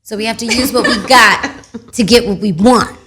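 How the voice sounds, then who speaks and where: A young woman, an actress guest, chatting casually in a radio studio and telling animated stories with laughter. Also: fairly high pitch, moderate pace, slight background noise. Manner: animated storytelling, laughing, loud when excited. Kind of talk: casual radio interview chat.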